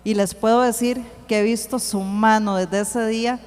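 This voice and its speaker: A woman giving an earnest church teaching, slowing to read scripture aloud. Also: fairly high pitch, fairly even intonation, darkish tone, smooth. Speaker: church speaker. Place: church hall. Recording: long hall reverb.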